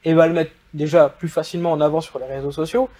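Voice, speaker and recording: French guy guest, kinda high but mellow voice, lots of euh while he explains. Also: flat delivery, quick pace. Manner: explains at length, many fillers. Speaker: guest, e-commerce agency founder. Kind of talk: casual conversational interview.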